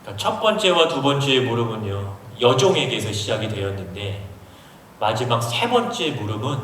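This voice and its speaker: In a large university auditorium, a man from Seoul delivers a sermon, explaining scripture and questioning his listeners. His pitch is medium and his tone a bit bright. The hall sounds echoey and distant, with slight background noise.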